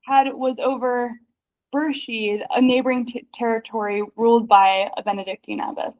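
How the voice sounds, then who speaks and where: An excitable woman reads history passages aloud in quick bursts during a casual research chat. Her voice sits a little high. The sound is dull and lo-fi, as if through a basic mic. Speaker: research partner reading sources aloud.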